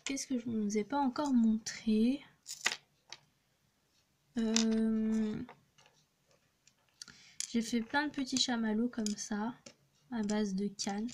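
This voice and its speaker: A woman's voice: on the high side, background noise. A young teenage girl casually presenting her clay crafts, hesitant with many fillers and restarts, recorded on a phone. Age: young teen. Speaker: craft vlogger. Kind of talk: casual show-and-tell narration.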